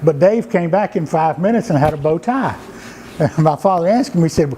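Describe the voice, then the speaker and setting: An older man tells folksy family stories at an easy pace. His voice sits a little high for a man, and he keeps stumbling over restarts and filler words. A faint background noise runs under the recording. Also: animated, dark tone, rough recording. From Georgia, USA. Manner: unhurried, halting with many "uh"s and restarts. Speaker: storyteller and writer. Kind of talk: folksy anecdotal storytelling.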